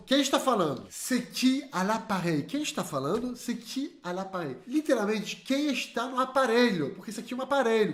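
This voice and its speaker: High-voiced man teaching in an echoey room. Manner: lively, repeats phrases, switches between Portuguese and slow French. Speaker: French teacher. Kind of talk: online language lesson.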